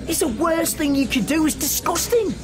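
An actress playing a shrill, indignant diner in a comedy radio drama, with music underneath. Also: female voice, lively intonation, normal speed. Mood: outraged. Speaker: outraged diner.

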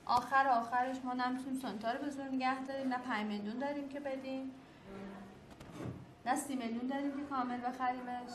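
High-voiced woman pushing with questions, room echo and noise behind, kinda insistent. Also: steady tone. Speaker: documentary filmmaker. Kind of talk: tense negotiation in casual talk. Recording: echoey room with background noise.

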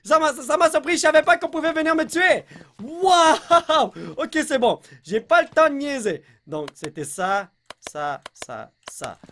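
A man with a Québécois French accent giving excitable gameplay commentary, blurting English exclamations and yelping when startled. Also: very high voice, unhurried. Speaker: let's play host.

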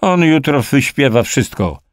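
A man's voice: medium pitch, very animated, a little slow, no room sound, studio quality, pitched above the performer's own voice. A man voicing a brutal male officer interrogating a prisoner, in an audiobook reading, with a sneering, threatening delivery. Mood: menacing.

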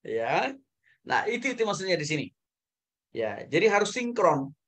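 The man is a pastor teaching a Bible school class, full of energy as he moves between emphatic loud moments and hushed low asides. Many of his phrases end with a brief "ya" or "saudara."

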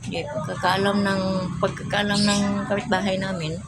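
A woman's voice: mid-range voice, flat delivery, normal speed, heavy background noise. Older woman telling a story. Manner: rambling personal storytelling, searching for words. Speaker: vlogger. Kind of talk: casual chat.

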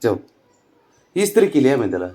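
A man's voice: medium pitch, big pitch swings, fast talker, dark tone. A man at home chatting to his cat, coaxing and teasing it in baby talk. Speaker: cat owner filming his pet. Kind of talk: casual talk to a pet.

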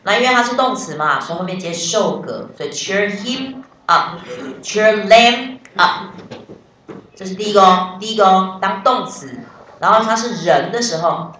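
A woman's voice: medium pitch, lively intonation, brisk, a bit bright, a little hiss or hum. A woman English teacher, explaining vocabulary step by step and quizzing her students in class. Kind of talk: classroom lesson. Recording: very echoey classroom, voice from far off.

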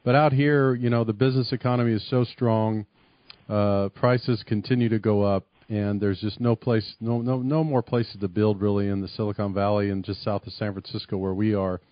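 A man's voice: fairly low pitch, steady tone, normal speed, dry recording, muffled recording. A man hosting a radio show near San Francisco, asking long, rambling questions of a guest. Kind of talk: interviewing a guest.

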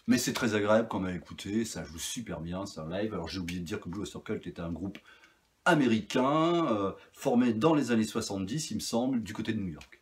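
Brief: male record collector, lowish voice, chatty, meandering, lots of hesitations. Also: animated, a little fast. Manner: chatty, rambling, many fillers and restarts. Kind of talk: casual vinyl haul review.

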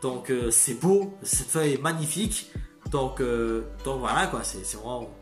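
Excitable male reviewer who rambles and curses, recorded in a roomy space with soft music under him. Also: medium pitch, a little slow. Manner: rambling, excitable, swears freely. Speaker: video critic. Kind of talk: casual spoken review. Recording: roomy echo, faint music behind.

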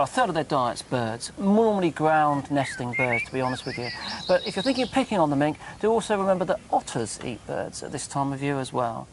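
Wildlife presenter, middle-aged British man, fairly high voice, explanatory, clearly noisy outdoor location. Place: outdoors in countryside.

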